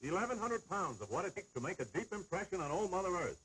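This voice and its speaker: A man's voice: high voice, big pitch swings, fast talker, low-quality recording. A man narrating old newsreel footage with breezy, joking quips, heard from an old film soundtrack. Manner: breezy, jokey punchlines. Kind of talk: wisecracking vintage newsreel narration.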